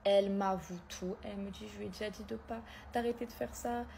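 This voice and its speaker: A woman's voice: mid-range voice, steady tone, a little fast, gravelly, warm tone, a little hiss or hum. A young woman telling her viewers an emotional story, hurt and angry as she talks. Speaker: content creator.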